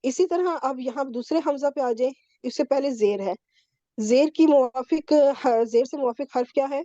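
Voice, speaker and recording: A woman teaching Arabic grammar in an online class, her voice a bit high and mellow. She explains patiently step by step and keeps checking that her students follow. The sound is dry and a little dull, like a computer mic on a call. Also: dry recording. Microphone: computer mic on a video call.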